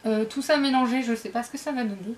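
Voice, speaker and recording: A woman's voice: fairly high pitch, quick pace. A young woman casually showing off a book haul to her camera at home, rambling and often correcting herself. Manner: rambling, self-interrupting, chatty. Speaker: book vlogger. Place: indoors at home, dim light. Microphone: camera facing her.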